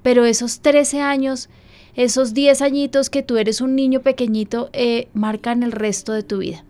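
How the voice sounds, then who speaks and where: High-voiced woman pastor. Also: steady tone, a little mellow. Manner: heartfelt, confessional, slows down for emphasis. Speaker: pastor and radio show host.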